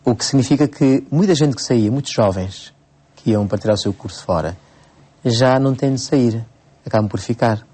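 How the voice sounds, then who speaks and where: A Cape Verdean priest in his forties answering interview questions at an unhurried pace, with frequent hesitations and restarts. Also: mid-range voice, dark tone, breathy edge. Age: 40s. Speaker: priest, bishop-elect.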